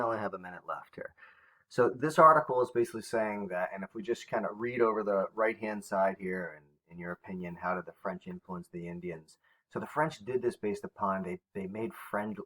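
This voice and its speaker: A man's voice: lowish voice, fairly bright tone, rough recording. A man teaching a recorded history lesson to his students, talking in a conversational way with fillers and self-corrections.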